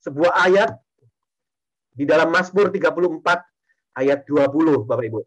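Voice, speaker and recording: A man's voice: on the high side, moderate pace, rough recording. A man giving a testimony sermon to a congregation, repeating his phrases and often turning to address the listeners directly.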